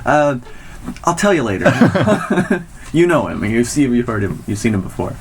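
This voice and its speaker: A man's voice: mid-range voice, very animated, moderate pace, slight background noise. A man interviewing a guest for student radio, chatty and rambling, full of fillers and restarts. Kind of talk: casual interview.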